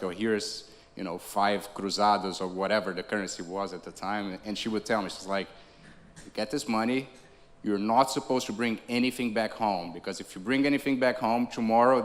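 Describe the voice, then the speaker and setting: A Brazilian-accented man in his forties speaks on a theater stage in a lowish voice, and a long hall reverb trails behind every phrase. He keeps it conversational, restarting sentences and laughing lightly as he goes. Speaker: conference speaker. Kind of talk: conference talk.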